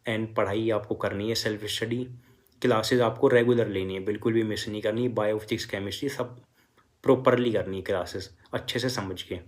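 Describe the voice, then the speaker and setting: A man's voice: fairly low pitch, steady tone, fairly quick. A young man, a first-year medical student, telling his exam story and advising students in a casual, filler-heavy way. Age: young adult. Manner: conversational, many fillers, advising students directly. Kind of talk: casual motivational talk.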